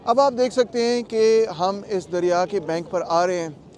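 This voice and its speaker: A man's voice: high-pitched, fairly even intonation, measured pace, a little mellow. A man talking casually to his camera as he narrates a travel vlog and explains things to viewers. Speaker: vlogger and political commentator.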